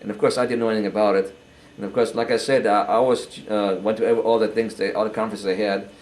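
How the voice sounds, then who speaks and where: An older man giving a halting, earnest personal testimony, often repeating words as he goes. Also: on the low side, little pitch movement, darkish tone, poor audio. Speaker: interviewee.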